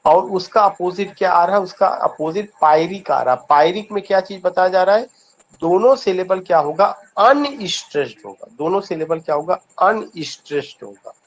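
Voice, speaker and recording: A man's voice: sits high, dull audio, slight background noise. A man with an Indian accent teaching an online exam-prep lesson, asking questions and answering them himself, repeating key points. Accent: Indian English. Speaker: English teacher.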